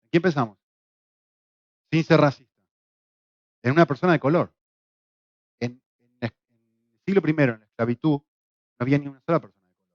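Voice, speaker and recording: A middle-aged man from Argentina with an Argentine Spanish accent, teaching a Bible class in a lively way, with rhetorical questions and jokes. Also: a little high, a little fast, pauses often, no echo. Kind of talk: church class lecture. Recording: dull, lo-fi, dry sound.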